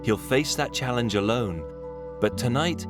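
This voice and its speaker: A man's voice: mid-range voice, measured pace, over music. A man delivering scripted nature documentary narration as the programme's narrator.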